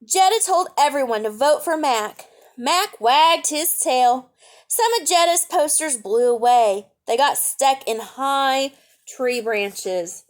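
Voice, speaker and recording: High-pitched and taking her time, she reads a picture book to young children. She's a storytime reader and teacher who adds chatty remarks, simple explanations and questions for her listeners.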